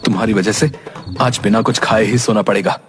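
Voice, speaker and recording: A man's voice: lowish voice, steady tone, fairly quick, lightly acted. A man voicing a frustrated young husband in a cartoon, complaining as he talks over background music. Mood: exasperated.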